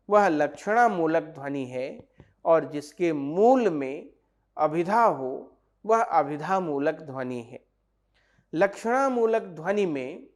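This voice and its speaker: A man lectures in a slow, deliberate way, working through each point with examples. His voice sits a little high for a man. He keeps a steady, methodical teaching tone throughout. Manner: slow, measured explanation with examples. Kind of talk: academic lecture on poetics.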